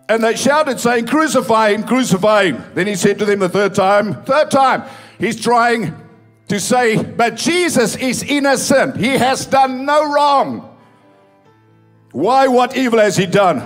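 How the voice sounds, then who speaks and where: Man, pastor, high voice, emphatic preaching, faint music behind. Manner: preaching, reading scripture aloud with emphatic pauses. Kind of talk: sermon. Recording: live church service with faint music behind.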